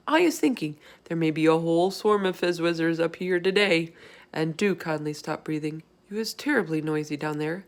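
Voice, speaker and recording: A woman acts out a kindly storybook giant with a folksy, ungrammatical way of talking. The giant is excitable and easily distressed, full of exclamations and whimsical invented words. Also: deep voice, moderate pace. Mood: bossy. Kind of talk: children's book character in a read-aloud.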